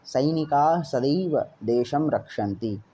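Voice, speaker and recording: A man teaching Sanskrit grammar to schoolchildren, reading each example sentence slowly and then giving its meaning. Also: fairly high pitch, lively intonation, dark tone. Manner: repeats each example with a Hindi gloss. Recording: dull lo-fi recording with faint hiss.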